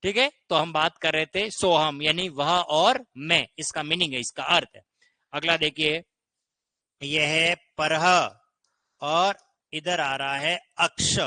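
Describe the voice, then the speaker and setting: Bright, crisp male teacher. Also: on the high side, steady tone, slow pace, no echo. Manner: explains patiently, keeps asking "ठीक है?". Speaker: Hindi grammar teacher. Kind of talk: online exam-prep lesson.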